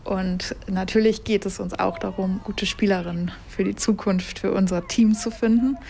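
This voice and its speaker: Gravelly-voiced woman rugby coach. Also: medium pitch, fairly even intonation, moderate pace, darkish tone, slight background noise. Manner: earnest, explanatory. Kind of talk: interview answer.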